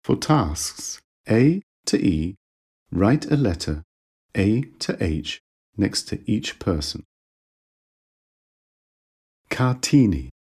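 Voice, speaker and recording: A man reading out listening-exam instructions slowly and evenly, then calling out each speaker's name. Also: on the low side, big pitch swings, darkish tone, breathy edge. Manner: slow, measured reading of instructions. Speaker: test announcer.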